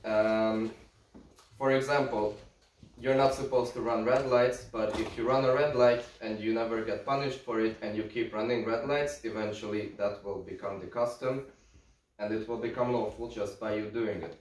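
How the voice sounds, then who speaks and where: A man from Hungary in his thirties giving a guest lecture to a class, relaxed and explaining steadily with dry humour. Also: fairly low pitch, moderate pace. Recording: echoey classroom from far off, faint hiss.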